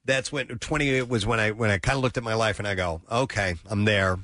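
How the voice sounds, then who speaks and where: Man, radio host, bright forceful voice, dry close studio sound, casual news chat. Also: on the low side, steady tone, brisk, no room sound. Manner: reads news items aloud, laughs often.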